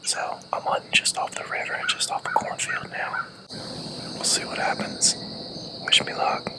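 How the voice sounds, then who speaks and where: A man whispers a hushed update from a hunting stand in the outdoors. He keeps his voice low and breathy throughout. Crickets and insects chirp in the background. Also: moderate pace. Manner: hushed and quiet. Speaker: hunter in a tree stand.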